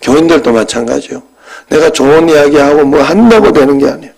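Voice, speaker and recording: A man, a pastor preaching in a chatty, storytelling way that moves between lively and hushed. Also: fairly high pitch, fast talker, creaky, husky, rough recording. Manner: conversational storytelling, swings between animated and hushed. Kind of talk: sermon.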